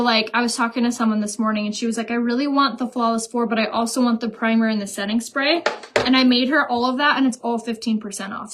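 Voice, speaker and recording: A woman's voice: fairly high pitch, fairly bright tone. Chatty woman selling makeup on a live stream. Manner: chatty, giggly, salesy. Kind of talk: casual live-stream sales chat.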